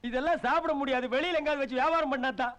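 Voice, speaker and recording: A man playing a sharp-tongued middle-aged uncle in a film comedy, firing off sarcastic insults. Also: very high voice, fairly even intonation, fast.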